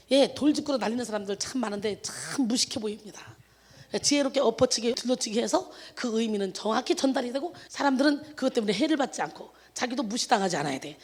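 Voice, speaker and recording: A woman's voice: on the high side, breathy edge, long reverb tail. A woman pastor preaching a sermon in an emphatic manner, with exclamations of hallelujah and rhetorical questions to the congregation.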